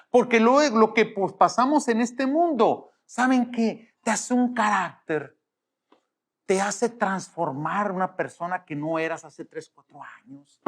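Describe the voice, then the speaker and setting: A man's voice: sits high, fairly bright tone. A middle-aged man preaching a sermon, emphatic and asking the audience rhetorical questions. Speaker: pastor.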